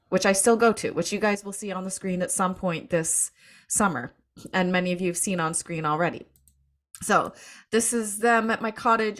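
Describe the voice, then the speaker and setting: Woman telling stories on stage, laughs a lot, does little voices for people. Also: lowish voice. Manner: warm anecdotal, laughs often, acts out quotes. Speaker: speaker. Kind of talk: storytelling talk to an audience.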